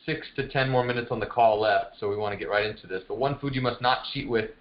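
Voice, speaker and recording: A man with a mid-range voice talks fast as a fitness coach hosting a group call, chatting informally and encouragingly. The conference-call audio is dull and lo-fi, with no music, just his voice on the line.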